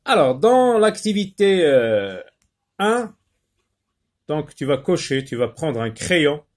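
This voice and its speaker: A man giving a children's phonics lesson, sounding out syllables one at a time. He speaks slowly, and his voice sits a little high and swings widely in pitch. He hesitates often and repeats each word several times. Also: very animated. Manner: slow, repeats words and syllables, explains in French with short Arabic asides; hesitant, many pauses and fillers. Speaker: teacher.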